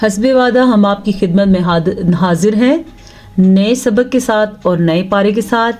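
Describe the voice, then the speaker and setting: A woman teaching Quran pronunciation, patiently explaining rules between slow drawn-out recitations. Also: medium pitch, darkish tone. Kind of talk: tajweed lesson with recitation.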